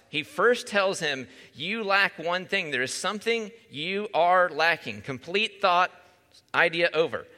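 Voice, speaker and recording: Male pastor, conversational sermon delivery, crisp bright tone, reverberant hall sound. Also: sits high. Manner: conversational, asks the listeners questions.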